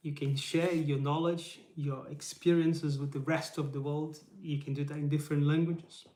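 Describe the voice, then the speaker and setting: At normal speed, a man with a fairly high, mellow voice and little pitch movement speaks English to camera on his YouTube channel; Portuguese is his first language. The casual live motivational talk sounds earnest and encouraging, full of rhetorical questions and the tag "right?". An echoey room comes through the camera mic.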